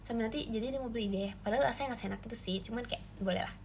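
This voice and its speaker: A woman's voice: racing, vocal fry, slight background noise. A young woman hosting a casual livestream, playfully chatting with viewers and answering their comments. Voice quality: says her own voice gets shrill when loud. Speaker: idol livestream host. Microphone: phone livestream.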